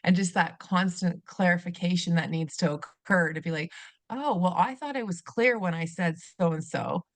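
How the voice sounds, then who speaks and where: Recorded dry, a German-speaking former teacher from Canada, now middle-aged, talks at a moderate pace in a fairly low voice. She's being interviewed conversationally as a podcast guest. Her delivery is earnest and thoughtful, full of fillers and restarted sentences.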